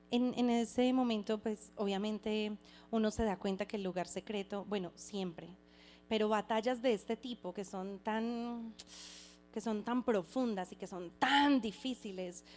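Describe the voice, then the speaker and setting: A woman's voice: mid-range voice, darkish tone, a little hiss or hum. Earnest woman sharing a faith testimony. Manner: reflective and halting, with frequent restarts; earnest and heartfelt. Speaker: person giving a testimony.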